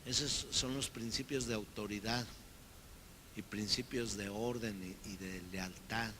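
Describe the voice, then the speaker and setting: A man preaching a sermon as pastor, lively and acting out the people he quotes. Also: lowish voice, unhurried, a little hiss or hum.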